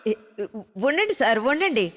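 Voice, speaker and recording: A woman's voice: high voice, very animated, moderate pace, fairly bright tone. A middle-aged woman playing a mother who fusses and scolds emotionally in dubbed film acting.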